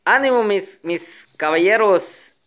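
A nervous, playful male vlogger chats casually to his viewers, joking and singing to himself. He is excitable, and his high-pitched voice moves slowly.

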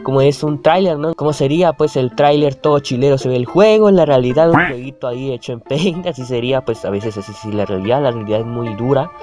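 A man's voice: medium pitch, fast talker, hardly any pauses, darkish tone, soft background music. A young man, chatting and reacting to a video on his channel, laughing often and calling out at the screen. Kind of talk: casual reaction commentary.

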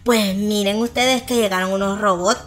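A woman's voice: medium pitch, fairly even intonation, moderate pace, fairly bright tone. A woman with a Salvadoran accent hosting a gossip channel, chatting casually and laughing often. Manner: chatty, laughs often, keeps tagging "¿verdad?".

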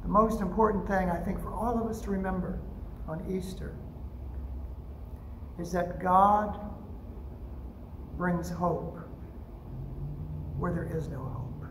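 Older male pastor, higher gravelly voice, gentle pause-filled sermon, roomy church echo. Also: slight background noise. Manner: gentle, unhurried storytelling with frequent "uh" pauses. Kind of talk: storytelling sermon. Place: church sanctuary at a pulpit. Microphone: pulpit microphone. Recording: echoey sanctuary with faint ambience.

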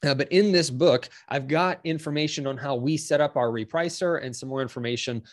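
A man's voice: a little high, a little fast. A man, perhaps in his thirties, hosting his channel and explaining a business tutorial in a casual, upbeat way with lots of "uh" fillers, his voice a little congested. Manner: upbeat, chatty with frequent fillers. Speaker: channel host.

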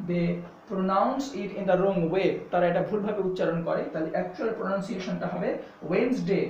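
A man's voice: sits high, darkish tone. A man teaching English pronunciation, explaining patiently and spelling words out letter by letter, switching into English phrases. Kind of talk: spoken lesson to camera. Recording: echoey, dull, slightly distant with faint hum.

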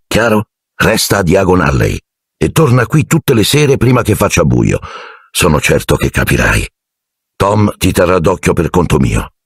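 A man's voice: low voice, creaky, slightly rough, no echo, clean studio sound, exaggerated voice. A man doing Fudge, a jovial fussy minister. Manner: genial, patronizing, evasive. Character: fussy jovial middle-aged male minister.

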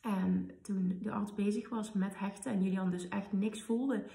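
A woman in her thirties, a podcast host, telling a personal story in an emotional, animated way. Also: medium pitch, a little slow, gravelly. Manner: emotional, animated retelling with quoted dialogue. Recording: roomy, slightly distant mic.

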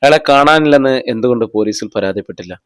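A man's voice: medium pitch, quick pace, no room sound, close to an everyday voice. A man reading the lines of a persistent police officer interrogating a suspect with pointed questions. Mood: pressing. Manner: probing, pressing questions.

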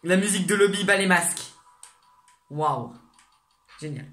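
Hyped gamer going thru new season stuff, reads menus out loud, mid pitch voice, bit of game music in the back. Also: unhurried. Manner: excitable, reads menu text aloud. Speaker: gaming video host. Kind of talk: casual gameplay commentary.

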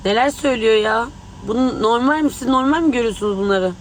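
A man's voice: very high-pitched, fast, slight background noise, poor audio. A man speaking angrily and agitatedly to tabloid reporters, swearing as he talks. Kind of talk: heated street remarks to the press.

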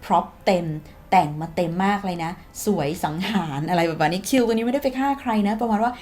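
A woman's voice: medium pitch, lively intonation, brisk, darkish tone. Chatty Thai woman teaching English. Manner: chatty, playful, acts out sample dialogues. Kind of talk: casual video lesson.

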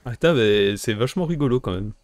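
A man's voice: mid-range voice, animated, quick pace, a loud crowd. A man co-hosting a gaming video, chatting casually and jokily with a friend as he plays. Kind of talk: casual gameplay commentary with a friend.

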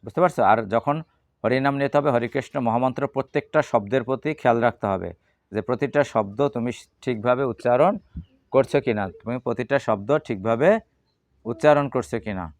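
A religious teacher with a mid-range voice leads a class on the Gita, asking his listeners questions and then answering them himself. He also leads slow chanting, and there's no echo.

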